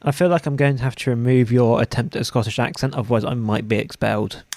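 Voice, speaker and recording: A man's voice: medium pitch, fairly even intonation, a little mellow, dry recording. Dry-witted man, close and dry. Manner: dry, wry, halting. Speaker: podcast host. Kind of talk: casual review chat.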